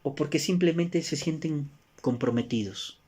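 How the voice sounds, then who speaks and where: A man from Peru with a Peruvian Spanish accent preaching a sermon, asking rhetorical questions and moving between emphatic rises and soft drops. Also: fairly high pitch, normal speed, breathy edge.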